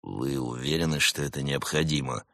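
A man voicing a cool-headed male snow leopard secret agent with a dry, curt, sardonic manner and a husky voice. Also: very deep voice, a little slow, fairly bright tone, no echo, full character voice.

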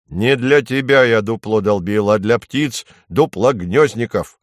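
A man's voice: on the low side, unhurried, no room sound, studio quality, lightly acted. A man voicing a fussy male woodpecker who builds houses, exclaiming indignantly in a storybook reading.

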